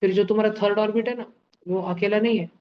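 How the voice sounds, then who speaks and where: A man's voice: high voice, steady tone, fast, slight background noise. Playful male chemistry teacher, lo-fi. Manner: playful, uses sound effects and homely analogies; keeps checking with students through questions. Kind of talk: live online class lecture.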